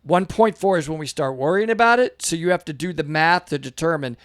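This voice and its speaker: A man with a fairly high-pitched voice gives casual reaction video commentary. He explains technical matters like an experienced diver, and the sound is very dry with no room echo. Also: a little fast, fairly bright tone, clear, resonant tone.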